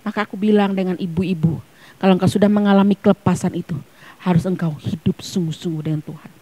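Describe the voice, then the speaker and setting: A woman pastor preaching a sermon at a church service. She is emphatic, swinging between hushed near-whispers and loud, fervent peaks. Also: lowish voice, steady tone, fast, breathy edge.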